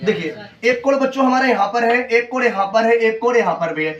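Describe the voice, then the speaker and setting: An Indian male coaching class teacher with an Uttar Pradesh Hindi accent speaks briskly in an extremely high, slightly bright voice. He leads a classroom lesson, repeating questions and drilling terms aloud with students in call-and-response. The mic is distant, giving a roomy lo-fi sound with students audible in the room.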